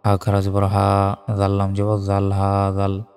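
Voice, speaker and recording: A man teaching Quran recitation who spells out each letter and vowel mark, then chants the words slowly. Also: low voice, completely flat delivery, darkish tone, smooth. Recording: long hall reverb with faint music.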